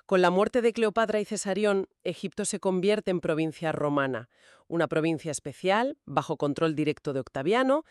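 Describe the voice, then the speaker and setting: A podcast co-host with a measured, explanatory manner, laying out history points one by one in casual conversation. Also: medium pitch, expressive, no room sound, clean studio sound.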